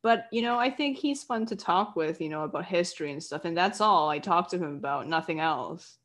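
A woman's voice: fairly low pitch, expressive, fairly quick, a bit bright. Reluctant young man played by a woman, polite, hesitant and evasive, reasonable protests, improvised story role-play.

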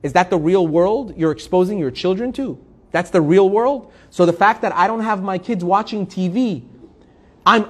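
Animated rabbi with a higher male voice. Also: breathy edge. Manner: animated, repeats words and phrases for emphasis; asks the listeners direct questions. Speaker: rabbi teaching a Torah class. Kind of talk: informal spoken class to a group.

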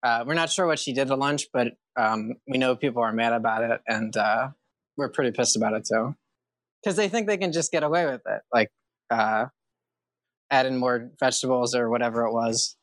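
A man co-hosting a casual podcast, deadpan and halting. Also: mid-range voice, no room sound. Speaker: podcast co-host.

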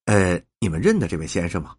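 A man voicing a polite, measured male newspaperman in a storybook reading, with a husky voice. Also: low voice, sing-song, a little mellow, voice pushed down, exaggerated voice. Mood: courteous.

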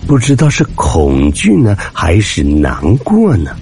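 A man's voice: sits low, huge pitch swings, unhurried, a little hiss or hum. A man narrating a suspense story in a dramatic, scripted telling. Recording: soft background music.

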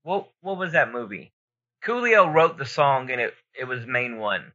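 A man's voice: medium pitch, lively intonation, normal speed, bright, forceful tone. A man co-hosting a podcast in casual, informal chat, rambling and thinking aloud as he gives his opinions. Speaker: podcast co-host. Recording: dull lo-fi audio.

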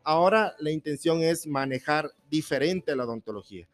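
A man from Ecuador with a highland accent, explaining his dental services as a folksy interview guest. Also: expressive, normal speed. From Baños, Ecuador. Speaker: dentist guest.

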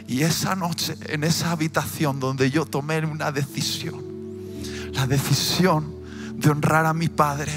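A man preaching a sermon, telling a personal story and swinging from quiet storytelling to loud, impassioned preaching. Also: a little high, level tone, unhurried. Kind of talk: emotional sermon testimony. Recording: music playing behind the voice.

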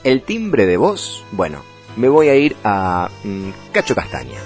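A man with a Rioplatense Argentine accent teaching a lesson on vocal impressions in a playful, lively way. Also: on the low side, unhurried, soft background music. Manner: lively and playful, slipping into voices.

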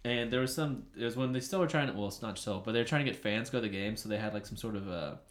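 A man's voice: fairly low pitch, quick pace. Rambling young man in a roomy echo. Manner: rambling, animated, shouts out quoted lines. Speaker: podcast co-host. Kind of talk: casual storytelling chat.

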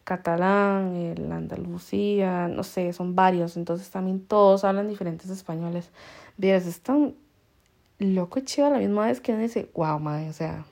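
Casting: Costa Rican woman, chatty podcast host, mellow gravelly voice, quick to laugh. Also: mid-range voice, fairly even intonation. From Costa Rica. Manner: chatty, laughs often, heavy slang. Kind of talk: casual storytelling chat.

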